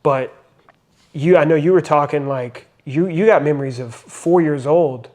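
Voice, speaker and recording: A man's voice: fairly high pitch, moderate pace, darkish tone. A young man and father talking earnestly in a casual podcast conversation, reflecting and using many fillers. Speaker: podcast co-host.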